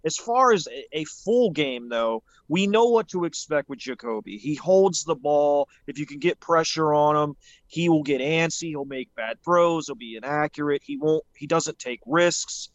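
A man on a sports podcast gives blunt, emphatic opinions about his team, leaning hard on the words that matter. His voice sits a little high for a man, recorded dry and close. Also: fairly bright tone, no echo. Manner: emphatic, opinionated, rising to stress points. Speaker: podcast co-host. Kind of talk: casual sports podcast talk.

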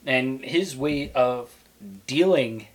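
A man from Quebec talks history with a friend, wandering through his points. His voice sits at an ordinary middle pitch, and he stops for fillers and restarts as he goes. It sounds like a relaxed podcast chat. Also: slow, a little hiss or hum. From Quebec, Canada. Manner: rambling, with many fillers and restarts. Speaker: podcast guest.

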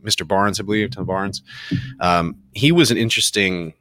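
A man co-hosting a casual talk show, relaxed and earnest, with dry jokes. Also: low-pitched, normal speed, no room sound. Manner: relaxed, earnest, joking aside. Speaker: show co-host.

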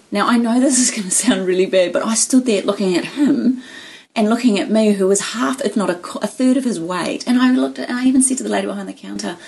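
A woman telling a story in casual chat, animated and acting out the dialogue as she goes. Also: mid-range voice, creaky. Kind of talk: casual anecdote.

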